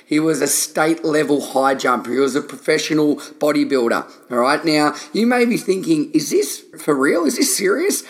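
A man's voice: on the high side, lively intonation, normal speed, hardly any pauses. A man hosting a podcast, introducing a guest and asking questions in an upbeat, enthusiastic way. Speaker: podcast host.

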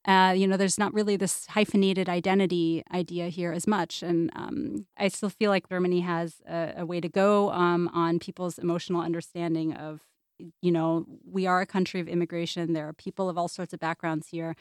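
Woman talking it through, kinda low voice, dry close sound. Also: level tone, fairly quick, clear, resonant tone, dry recording. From United States. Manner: thoughtful, conversational. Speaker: guest, series producer. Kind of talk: radio interview discussion.

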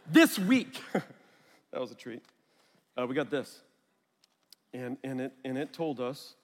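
A man in his thirties preaching a sermon as a storytelling pastor, lively and acting out family conversations. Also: medium pitch. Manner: animated, acts out family dialogue. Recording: long hall reverb.

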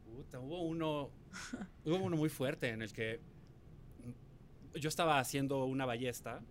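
A young adult man with a Mexican Spanish accent, a podcast guest telling stories casually and acting out quotes with big jumps in pitch. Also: measured pace, a little hiss or hum. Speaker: podcast guest, former reality show contestant. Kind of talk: casual storytelling.

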